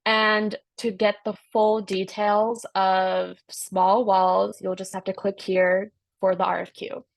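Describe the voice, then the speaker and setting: A woman's voice: medium pitch, little pitch movement, slow, creaky, hardly any pauses, dry recording. Woman project manager, casual presenter on a video call, dry close sound. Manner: easygoing, with many "um" fillers.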